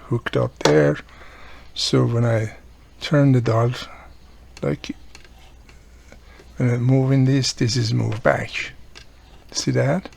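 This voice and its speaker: There's slight background noise as a man with a creaky, medium-pitched voice gives an unscripted radio repair tutorial. A hobbyist and non-native English speaker, he explains the hands-on fix step by step and keeps checking in with the viewer.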